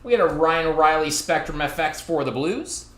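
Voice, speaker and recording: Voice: mid-range voice, expressive, normal speed, fairly bright tone. A card break host, chatting through a live box break and teasing viewers by name from a card shop. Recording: roomy echo.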